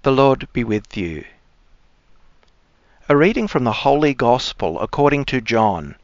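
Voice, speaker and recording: A man's voice: medium pitch, very animated, measured pace, no room sound. Dry-sounding man reading scripture. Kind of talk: measured scripture reading and homily. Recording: dry, slightly dull close sound.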